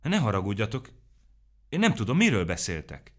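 A man voicing a shy, gentle blue horse who speaks softly and apologetically in a storybook reading. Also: fairly low pitch, wildly swooping pitch, voice pushed up. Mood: bashful. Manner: soft, apologetic, hesitant.

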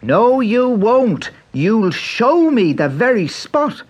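Storybook casting: a man playing a cocky farm boy, raised and excited, pitch leaping around. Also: takes it slowly, slightly rough, exaggerated voice. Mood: firm. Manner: bold, jeering, excited. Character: eager greedy Irish farm boy.

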